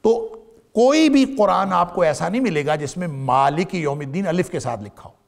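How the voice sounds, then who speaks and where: A man with a gravelly, slightly high voice teaches a Quran commentary lesson to a seated audience. He recites each verse and then explains it. He builds to raised emphasis, then drops to a near-hush. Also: expressive.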